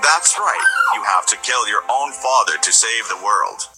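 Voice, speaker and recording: Brief: synthetic male voice as a scheming cartoon bomb villain, flat and taunting, music blaring underneath. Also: lowish voice, normal speed, lightly acted, poor audio. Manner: cold, taunting. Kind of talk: computer-voiced amateur cartoon. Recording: loud music behind the voice.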